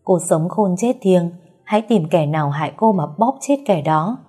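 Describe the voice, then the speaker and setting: Woman reading as a stern old lady of the house, cold and grave, low dark husky voice. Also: animated, moderate pace, soft background music. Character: stern elderly mistress of a household.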